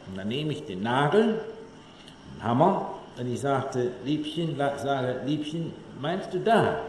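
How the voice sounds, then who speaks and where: A man giving a public lecture to an audience, telling humorous anecdotes in an animated way. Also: medium pitch, slight background noise. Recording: echoey hall, faint room ambience.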